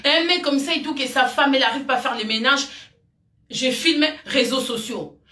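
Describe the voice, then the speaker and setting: A vlogger talks directly to the camera at normal speed in a high, sharp voice that echoes in the room. She rambles emphatically, keeps circling back to the same points, and addresses the viewer as "ma chérie."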